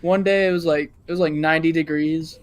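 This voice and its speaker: A man's voice: fairly high pitch, steady tone, brisk, clear, resonant tone, no echo. A man chatting casually as a podcast co-host, speaking in slangy, hesitant phrases peppered with "dude". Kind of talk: casual chat.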